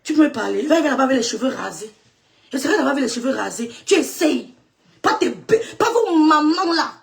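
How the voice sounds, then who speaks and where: Defiant high-pitched woman ranting at critics. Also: expressive, fairly quick, creaky. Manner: insulting, defiant, swings between mocking laughter and shouting. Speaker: online content creator. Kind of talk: heated monologue answering critics.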